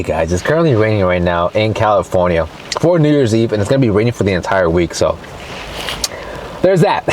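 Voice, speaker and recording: A man's voice: fairly high pitch, a little mellow. A man giving a casual mukbang eating review to camera, talking to viewers as guys between bites and savoring hums. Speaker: food review vlogger. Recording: clear ambient background noise.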